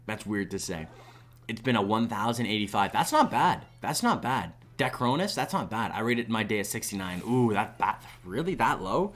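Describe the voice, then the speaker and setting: A young man giving live esports commentary in a chatty, rambling way, taking asides between plays. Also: mid-range voice. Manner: chatty, rambling asides, animated when excited. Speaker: esports caster.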